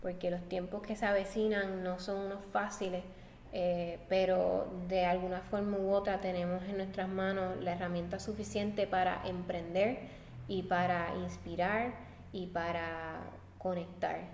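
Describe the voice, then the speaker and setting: A Puerto Rican guest designer, seated at a table with coffee, gives reflective interview answers in a reverberant room with long, roomy echo. Her lowish, slightly mellow voice is flat and measured, earnest and thoughtful as she searches for words, with a little hiss or hum in the recording.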